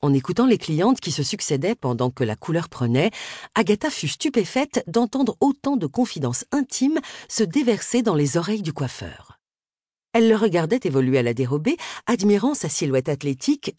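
Lively woman audiobook narrator. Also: fairly low pitch, slightly rough, no echo, clean studio sound. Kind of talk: scripted narration.

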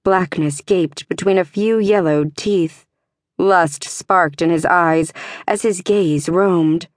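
Low, slow woman narrating a fantasy audiobook. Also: no echo, studio quality.

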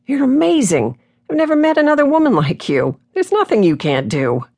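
A woman's voice: high-pitched, huge pitch swings, normal speed, gravelly, a little mellow, voice pushed up, exaggerated voice. Woman voicing a friendly young deputy guy. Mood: admiring.

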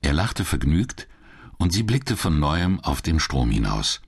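A man narrating a classic crime audiobook in a measured, expressive reading style. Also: rumbling low, slightly rough. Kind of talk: scripted narration.

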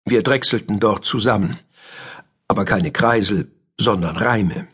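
A man narrating a children's audiobook in a calm first-person storytelling manner. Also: fairly low pitch, unhurried, husky. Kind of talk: scripted narration of a children's book.

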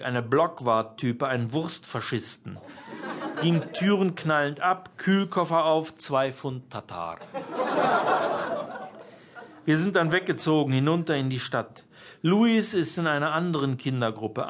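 Wry man reading a comic audiobook. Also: a little high. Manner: wry, amused storytelling. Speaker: author reading his own book. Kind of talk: humorous audiobook narration.

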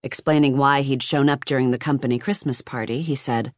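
An audiobook narrator giving a measured, even reading of nonfiction, recorded close in a booth. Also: medium pitch, no echo.

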